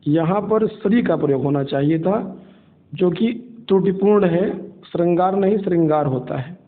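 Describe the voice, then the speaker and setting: A man leads an exam prep class, going through the questions in a steady, methodical way and repeating each answer. His voice sits high. The sound is thin and tinny, like a phone line. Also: moderate pace. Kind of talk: spoken quiz lesson.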